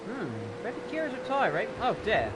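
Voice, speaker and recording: A man doing live motorsport commentary in an excitable, exclaiming play-by-play manner. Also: extremely high pitch, fairly quick. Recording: noisy, car engine sound behind.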